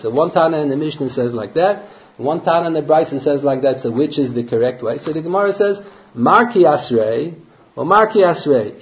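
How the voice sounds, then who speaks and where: A man teaching a Torah class in a conversational way, asking rhetorical questions and mixing Hebrew and Yiddish terms into his English. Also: a little high. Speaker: rabbi teaching a Talmud class. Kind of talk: Torah lecture. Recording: dull lo-fi lecture recording.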